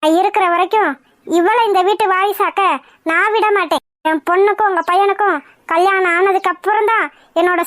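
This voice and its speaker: A woman's voice: very high-pitched, a bit bright, dry recording, clean studio sound. A woman voicing a spiteful, scheming middle-aged mother in a village cartoon, talking in a sneering, menacing way.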